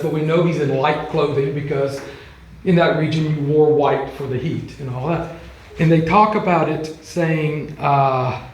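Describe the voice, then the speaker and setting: A man teaching a Bible class in a casual, chatty way, with frequent ums and quick acted-out quotes. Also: on the high side. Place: church classroom. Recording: echoey room.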